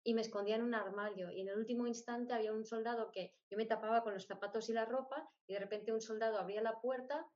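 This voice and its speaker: Speaking quickly with hardly any pauses, a middle-aged woman recounts personal stories as a guest in an interview, repeating short phrases for emphasis. Born in Spain, she grew up shifting between countries. Her voice is a little high, steady, and slightly mellow, captured in dull, lo-fi audio.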